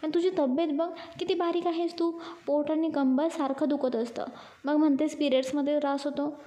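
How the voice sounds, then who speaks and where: Give me a caring, bossy young man, voiced by a woman with a high, warm voice. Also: fairly even intonation, brisk, lightly acted. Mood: caring, firm. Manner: firm, teasing, instructing.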